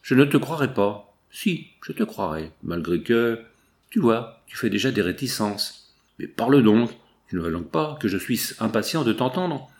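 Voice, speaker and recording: A jealous, bitter husband from a storybook, low-voiced and brooding, read out by a man. His talk swings between pleading and sullen grumbling, within an everyday range. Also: very animated, normal speed. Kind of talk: audiobook dialogue reading.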